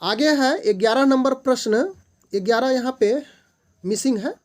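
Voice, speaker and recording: An online tutor works through multiple-choice grammar questions in an unhurried, medium-pitched voice. Patiently, the tutor repeats definitions and sounds out single letters and syllables one by one.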